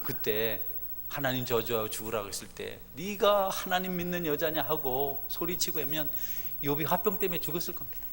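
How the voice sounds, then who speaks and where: Middle-aged Korean pastor preaching in a reverberant church. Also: male voice, mid-range voice, slight background noise. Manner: swings from hushed asides to loud fervent preaching. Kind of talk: sermon. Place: church sanctuary. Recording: church sanctuary with long reverb.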